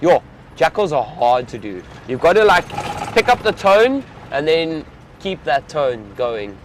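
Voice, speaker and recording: A young man speaks outdoors from an open safari vehicle, chatting casually with live-stream viewers. He is an enthusiastic safari field guide who rambles as he talks. His voice sits a little high for a man. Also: big pitch swings, measured pace, a little hiss or hum.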